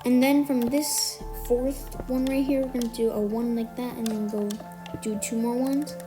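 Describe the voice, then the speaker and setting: At normal speed and with a flat delivery, a medium-pitched voice guides a step-by-step building tutorial. The maker is a bit sick today and counts out blocks while correcting small slips. Music plays under the voice.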